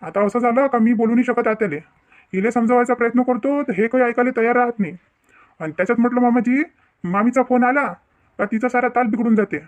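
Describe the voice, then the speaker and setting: A man's voice: very high-pitched, steady tone, fast talker. A man voicing a stressed young married man, hesitant and complaining, who stammers in a cartoon family drama.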